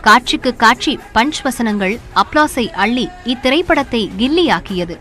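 A woman narrator with a fairly high voice reads a scripted television feature. She is punchy and emphatic, with music running underneath. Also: animated, moderate pace. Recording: loud music bed under voice-over.

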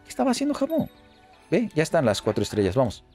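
A man giving excited let's play commentary, chatty and often repeating phrases in quick bursts. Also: a little high. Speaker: gameplay commentator. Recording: faint game music underneath.

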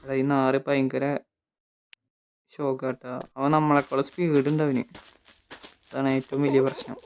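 A young man from Kerala, giving excitable casual commentary as a gaming YouTuber, shouting at the game and talking to viewers. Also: medium pitch, unhurried, a little hiss or hum.

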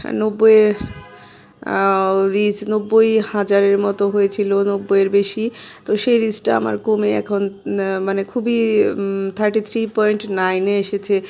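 A woman vlogger chatting casually to her followers in a hesitant, rambling, repetitive way with many filled pauses. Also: mid-range voice, gravelly, a little mellow. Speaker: social media vlogger. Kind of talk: casual chat to followers while snacking.

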